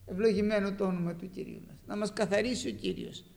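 A man preaching a sermon with passion, moving between loud emphatic lines and quiet asides, with a gravelly voice. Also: high-pitched, very animated.

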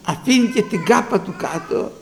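A man preaching a sermon, moving between hushed storytelling and fervent, shouted exhortation. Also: high voice, expressive, gravelly, slight background noise.

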